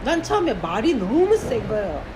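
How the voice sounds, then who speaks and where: A woman's voice: fairly high pitch, very animated, moderate pace. A woman talking informally in a casual group conversation. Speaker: art academy student. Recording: clearly noisy room.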